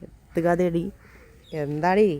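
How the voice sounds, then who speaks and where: A woman with a Malayali accent, chatting casually in a family vlog and teasing her child, her voice rough from a lasting cold. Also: fairly low pitch, takes it slowly, dark tone. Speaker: vlogger, mother. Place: outdoors.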